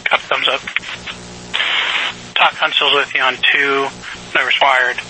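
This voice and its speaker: Bright, crackly radio voice of mission control man. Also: medium pitch, flat delivery, takes it slowly, faint music behind. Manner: clipped radio procedure phrasing. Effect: crackly space radio link. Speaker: mission control ground communicator. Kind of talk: procedural space-to-ground radio communication. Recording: noisy, crackly space-to-ground radio.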